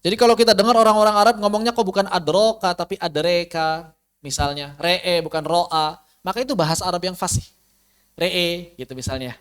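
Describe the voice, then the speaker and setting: Male teacher, slightly high voice, patient online lesson delivery. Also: clean tone. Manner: patient explaining, drawn-out examples. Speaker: Quran recitation teacher. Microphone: video call.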